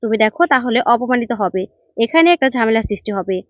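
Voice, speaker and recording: A woman's voice: on the high side, animated, quick pace, no room sound. A woman voicing a level-headed young woman who pleads earnestly but firmly, in a dull, dry recording. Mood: pleading.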